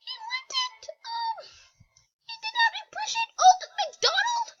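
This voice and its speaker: A woman voicing an excitable little chick in a squealing, rambling high voice. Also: a little slow, soft background music. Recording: muffled lo-fi recording.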